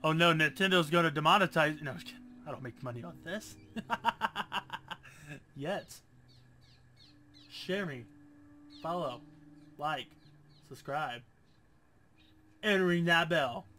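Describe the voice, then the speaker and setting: Young male gamer, higher pitch, sarcastic and profane commentary. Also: unhurried, long pauses, sharp tone, a little hiss or hum. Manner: sarcastic, swears often, jokey. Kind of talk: casual let's-play commentary.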